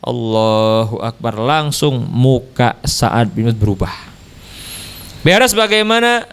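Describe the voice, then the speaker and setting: A male preacher telling a story in a sermon, in with a tinge, animated and chuckling in asides. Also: fairly low pitch, slow.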